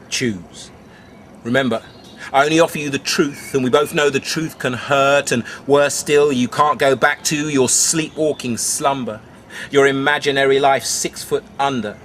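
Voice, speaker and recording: A man performing rhyming beat poetry in a cool beatnik manner, with dramatic, drawn-out phrasing, speaking to the listener like a conspiratorial mentor. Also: mid-range voice, fairly bright tone, a little hiss or hum. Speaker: spoken-word poet.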